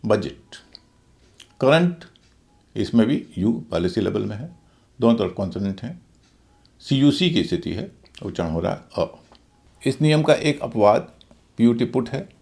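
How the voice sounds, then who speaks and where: Gravelly man teaching English pronunciation. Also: on the low side, expressive, normal speed, pauses often, darkish tone. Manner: explanatory, spells words letter by letter. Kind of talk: Hindi-language English lesson.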